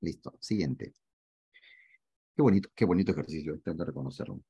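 A man teaching math in an online class, joking with his students and asking often whether it is clear. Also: rumbling low, lively intonation, a little fast, warm tone, no room sound, dull audio. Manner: joking, teasing, asks students to confirm often.

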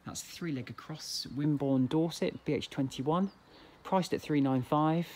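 Speaking a little slowly in a voice on the high side, an English estate agent walks through a detached house for sale and its back garden. His narration is relaxed, chatty sales patter, filmed on a handheld phone with slight background noise.

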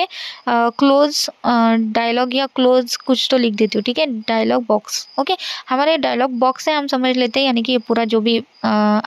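A woman's voice: sits high, clear, resonant tone, no echo. A young woman teaching a coding lesson over a screen share, talking casually and reassuringly, checking in with "okay" again and again. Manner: casual, repeats "okay" and "theek hai" often, reassuring. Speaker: coding tutor.

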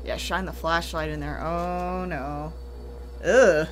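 A woman's voice: low voice, fairly even intonation, a little slow, fairly bright tone, soft background music. A woman hosting a horror reaction video who comments casually, ranting and exclaiming in fright.

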